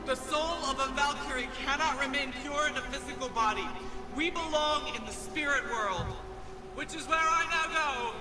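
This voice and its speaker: An actress playing a proud, exultant Valkyrie spirit with a grand, declamatory delivery in a video game. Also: female voice, high-pitched, moderate pace, lightly acted. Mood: lofty. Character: freed Valkyrie spirit, proud, exultant, otherworldly female warrior. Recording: echoing long reverb, music behind.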